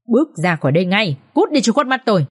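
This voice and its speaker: A woman's voice: mid-range voice, big pitch swings, fast talker, breathy edge, no echo, studio quality. A woman voicing a furious, scornful middle-aged mother who screams and scolds.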